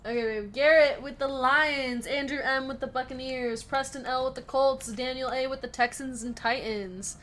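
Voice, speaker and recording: A woman hosting a live sports card break, chatty and upbeat, reading out names and teams in quick lists and answering viewer comments. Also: sits high, steady tone, fairly bright tone, slight background noise. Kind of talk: casual live-stream chat while opening card packs.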